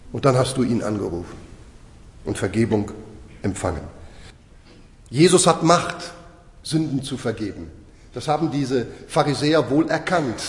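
A man preaching a sermon with emphasis, slowing down to stress points and putting rhetorical questions to his listeners. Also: mid-range voice. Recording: echoey hall with long reverb.

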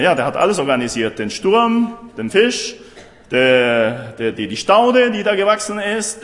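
A man's voice: medium pitch, fairly bright tone. A man preaching a sermon emphatically, often putting rhetorical questions to his listeners. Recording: roomy hall with long reverb.

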